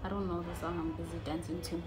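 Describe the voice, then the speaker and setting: At home in her living room, a twenties-aged YouTuber with a South African accent chats easily to camera, sliding into joking tangents. She talks fast in a lowish voice with little pitch movement, while music runs in the background.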